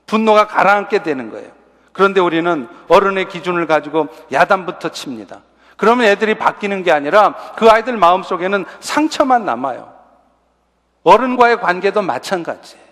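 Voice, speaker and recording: High-voiced preaching man, echoing church hall. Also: animated, a little fast, fairly bright tone. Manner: conversational preaching with rhetorical questions and light humor. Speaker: pastor. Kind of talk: sermon.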